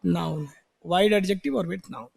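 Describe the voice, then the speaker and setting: A man's voice: sits high, a little fast, vocal fry, a little mellow, breathy edge, long reverb tail. A male teacher giving a classroom grammar lesson. He repeats words in drills and asks and answers his own questions. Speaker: English teacher.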